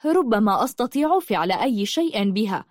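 Gentle young male writer, calm and soft-spoken, voiced by a woman narrator. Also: a little high, a little fast, no echo, clean studio sound.

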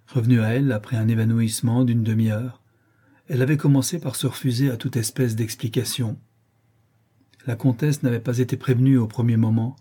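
A male audiobook narrator reads a classic novel at an even, measured pace. His voice is mellow and darkly toned, with a husky, slightly breathy edge. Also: mid-range voice. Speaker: audiobook reader.

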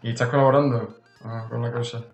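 A man's voice: mid-range voice, flat delivery, quick pace, roomy sound, music in the background. A man, co-hosting a casual comedy chat and telling anecdotes in rambling slang. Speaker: podcast co-host.

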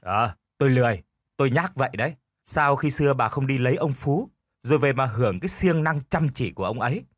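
A man's voice: medium pitch, lively intonation, fairly quick, no echo, studio quality, natural voice. A man voicing a lazy, stubborn old village husband who argues back smugly. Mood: stubborn bickering. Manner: stubborn, quarrelsome.

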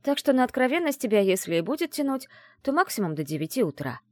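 A scheming young female student mage, as a woman reads her, high and bright, chattering fast and bossing her friend around. Her voice jumps about with excitement, loud and pushy. A storybook figure full of mischief. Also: no room sound, studio quality. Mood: agitated, bossy.

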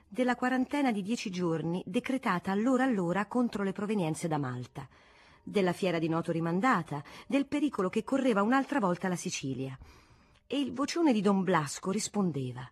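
Husky woman narrating a classic novel. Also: on the low side. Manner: measured, expressive reading. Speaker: audiobook narrator. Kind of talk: literary audiobook narration.

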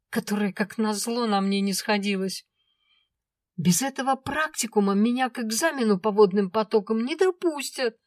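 A woman narrating first-person fiction as an audiobook, reading in a lively, expressive way. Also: medium pitch, dry recording, studio quality.

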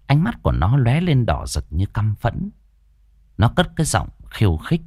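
A man's voice: medium pitch, huge pitch swings, moderate pace, a little mellow, slightly rough, dry recording, studio quality. A man narrating a ghost story in a dramatic, suspenseful way.

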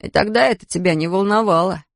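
A reader voicing a sullen, resentful teenage boy who shouts at his mother. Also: high-pitched, fast talker, vocal fry, no echo, studio quality. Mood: resentful angry.

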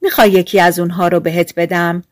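A woman's voice: on the low side, little pitch movement, no echo, clean studio sound, natural voice. A woman doing a sly wicked queen in disguise. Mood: coaxing. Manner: coaxing, loud and sly.

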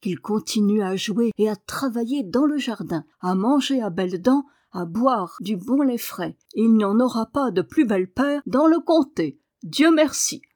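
A woman's voice: on the high side, expressive, a little slow, no room sound, studio quality. A woman voicing a tender motherly countrywoman. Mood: cheerful. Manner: soft, trembling with emotion.

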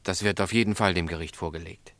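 In a German radio drama, a male actor plays a stubborn, upright snack-bar owner, answering in a firm, curt, defensive way. His voice sits low and fairly bright, steady in tone and fast, with no room sound.

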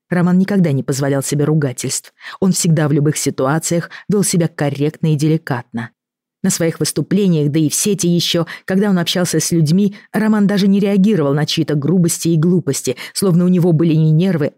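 A woman narrating a novel in a low, husky voice, measured and even. The sound is close and dry, with no room around it. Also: dry recording. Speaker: audiobook narrator. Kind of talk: scripted narration.

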